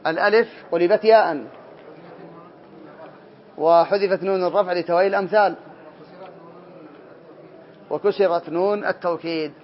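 Speaking at normal speed in a high voice and pausing often, a man teaches Arabic morphology to a class. He drills the students, addresses them by name, and corrects their answers, captured in a dull, lo-fi recording.

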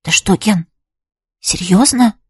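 A woman's voice: medium pitch, slow pace, husky, no echo. Woman voicing a blunt teen girl, snappy and short, dry close sound. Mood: curt. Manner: curt, mocking, then flustered and soft. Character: sharp-tongued teenage girl, blunt and mocking.

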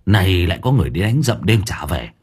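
A man's voice: sits low, big pitch swings, quick pace, darkish tone, husky, full character voice. A man voicing a frantic male villager who calls out and stumbles over his words. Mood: urgent. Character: frantic male villager bringing urgent news.

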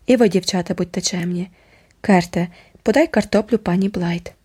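A calm, good-natured farm aunt in a storybook reading, as a woman narrator puts her on. She answers the squabbling around her without any fuss, in an unhurried and easygoing way. Her voice is warm and mellow, a little softer than the narration. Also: fairly low pitch, slightly rough.

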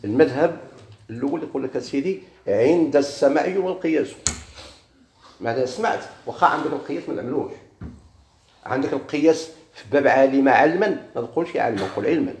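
A man's voice: medium pitch, rapid-fire. Moroccan guy teaching grammar, asks and answers his own questions, roomy echo, faint hiss. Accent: Moroccan Arabic. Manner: asks questions and answers them himself, repeats key words. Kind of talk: classroom lesson on Arabic grammar. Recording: echoey room with faint noise.

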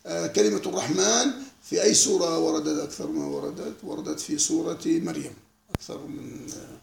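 A man gives a spontaneous lecture on a classical text. His voice is high and gravelly, and his pitch leaps widely as he fires off rhetorical questions. The sound carries the echo of a lecture room. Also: fairly quick. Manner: animated, rhetorical questions, laughing asides. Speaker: sheikh teaching a classical text.

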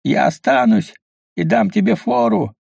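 A man's voice: high-pitched, big pitch swings, a little slow, creaky, a little mellow, husky, no echo, studio quality, voice pushed up, heavily acted. A man voicing a cowardly grandstanding fisherman. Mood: falsely noble. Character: cowardly scheming male fisherman, grandstanding traitor.

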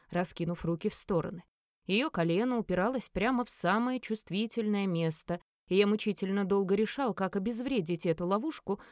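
Brief: female audiobook narrator, steady read, mid pitch, dry close mic. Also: dry recording. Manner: steady storytelling reading. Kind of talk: scripted narration.

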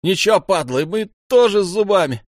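A man reading an audiobook voices a reckless, defiant young man who shouts and curses, with a dry, close sound. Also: high voice, lively intonation, a little fast, no echo, voice pushed up. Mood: shouting, defiant. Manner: shouting, rough, cursing.

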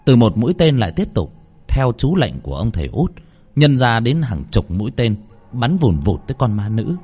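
Husky-voiced male horror storyteller. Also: mid-range voice, sing-song, normal speed, dark tone, faint music behind.

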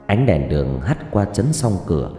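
A man narrating a ghost story, slow and dramatic, hushed on suspense, with roomy reverb and faint music. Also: low-pitched, very animated.

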